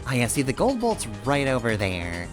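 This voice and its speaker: A man plays a video game and thinks aloud, giving casual, rambling live commentary over the game's music. His voice sits at medium pitch and swoops wildly, at a normal speed.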